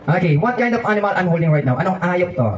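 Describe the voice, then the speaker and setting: Dressed as a clown, a man hosts a children's birthday party and runs guessing games, playfully teasing while mixing English and Filipino. His voice is high and animated at a quick pace, recorded in an echoey room with a far-off mic and a little hiss or hum.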